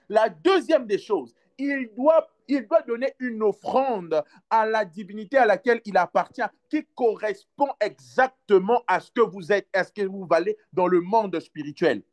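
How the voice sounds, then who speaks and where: A man with a high voice preaching a lively sermon. He acts out short exchanges with his flock and breaks into sudden loud cries. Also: normal speed. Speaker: pastor.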